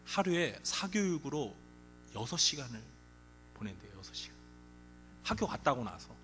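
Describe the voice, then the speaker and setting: Male pastor, animated sermon delivery, mid-pitched voice, playful asides with quoted voices, long hall reverb, faint music underneath. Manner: lively, acts out quoted parents and children, chuckles often. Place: large church hall.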